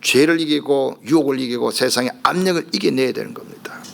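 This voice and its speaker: A man's voice: mid-range voice, a little fast, vocal fry. A middle-aged man, preaching a sermon as a pastor and acting out the cries in his story. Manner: animated preaching, acts out the blind man's cries.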